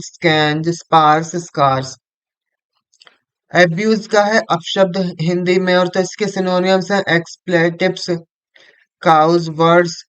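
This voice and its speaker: A man reading vocabulary lists aloud as a teacher, in a slow and halting way with restarts. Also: high voice, clean tone, dry recording, poor audio.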